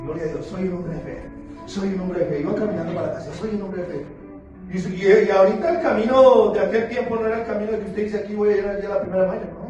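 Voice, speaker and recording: A man preaching a sermon as pastor, playful and questioning, slowing down for emphasis. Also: sits high. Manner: playful, asks the congregation questions, slows down for emphasis. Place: church sanctuary. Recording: very echoey church hall, far from the mic, with music behind.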